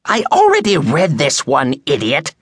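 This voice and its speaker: A man's voice: a little high, wildly swooping pitch, unhurried, a bit bright, slightly rough, no room sound, clean studio sound, voice pushed up, heavily acted. A male narrator voicing a frail, cranky seventy-year-old woman with a walker in a wailing tirade, in an audiobook. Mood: furious.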